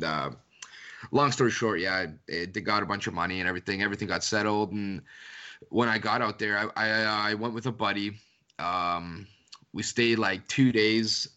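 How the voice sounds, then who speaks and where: A man's voice: lowish voice, fairly even intonation, normal speed, pushed and bright, lo-fi sound. A young man from Canada, a podcast guest, talking loosely and rambling with lots of "like" in casual chat. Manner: loose, rambling, heavy use of "like".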